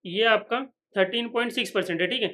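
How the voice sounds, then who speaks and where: Quick and forceful, this man's high, bright voice carries a finance lecture at the whiteboard. He goes over each point twice, checks often that the class is keeping up, and speaks questions as if students were asking them.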